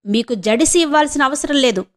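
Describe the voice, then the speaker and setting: A woman's voice: high voice, animated, slow, darkish tone, pitched above the performer's own voice. A woman voicing a proud, domineering rich wife in an audiobook, taunting and sharply contemptuous. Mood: scornful. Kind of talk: audiobook character reading.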